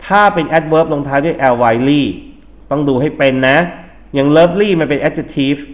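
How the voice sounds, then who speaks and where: A man's voice: a little high, unhurried. A man with a Thai accent teaching an English grammar lesson for exam prep, explaining steadily and spelling words out letter by letter. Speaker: English tutor.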